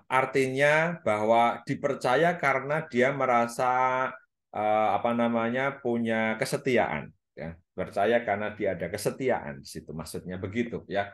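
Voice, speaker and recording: A man, a priest, giving an informal sermon at a prayer meeting, talking in a relaxed, chatty way with fillers and the odd laugh. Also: mid-range voice.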